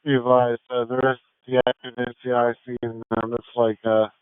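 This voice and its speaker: A man's voice: medium pitch, completely flat delivery, normal speed, background noise. A man working as a police dispatcher, giving terse radio updates in a matter-of-fact, procedural way over a two-way radio. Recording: thin, narrow-band police radio channel.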